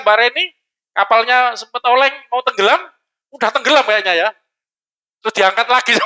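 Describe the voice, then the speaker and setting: Lively joking preacher, bright voice. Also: male voice, extremely high pitch, lo-fi sound. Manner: lively, joking, mixes in Javanese, asks the congregation questions. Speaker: pastor. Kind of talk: sermon. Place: church hall.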